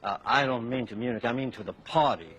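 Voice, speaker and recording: An actor playing a party official who urges in a measured, persuasive way. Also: male voice, mid-range voice, a bit bright, close to an everyday voice, rough recording. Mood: pressing. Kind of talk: film drama.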